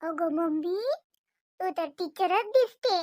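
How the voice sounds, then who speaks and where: A woman's voice: extremely high pitch, slow, a little mellow, dry recording, studio quality. A woman voicing a chatty young schoolgirl in a cartoon, coaxing her mother. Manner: pleading, chatty. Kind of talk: animated cartoon voice acting.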